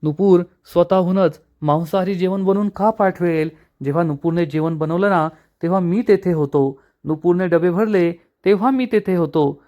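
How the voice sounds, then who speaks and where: Guy doing a young husband, earnest, pleading, kinda high voice. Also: moderate pace, hardly any pauses, dark tone, dull audio, lightly acted. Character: earnest young man defending his wife.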